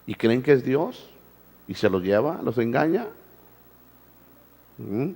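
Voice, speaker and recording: A man's voice: medium pitch, very animated, slow pace, gravelly, a little mellow, in a large hall. A male pastor preaching a sermon, firing rhetorical questions at the congregation and repeating his words. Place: church.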